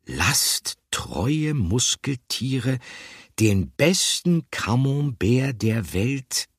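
A man voices a greedy, dreamy male mouse who yearns for cheese, sounding enraptured in a breathy, drawn-out, exaggerated delivery pitched above his natural voice. His medium pitch swings widely and his pace is a little slow. The recording is clean studio sound with no echo.

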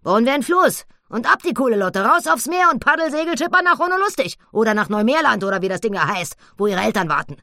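A woman voicing a loud, brash female pig who talks in crude slang and shouts. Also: fairly high pitch, very animated, fast talker, hardly any pauses, no echo, studio quality, pitched above the performer's own voice, exaggerated voice. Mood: rowdy.

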